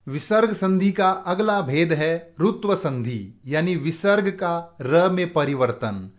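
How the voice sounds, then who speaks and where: Male teacher, high voice, slow and deliberate delivery, walks through a grammar lesson with his own questions. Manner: slow, deliberate, poses questions and answers them himself.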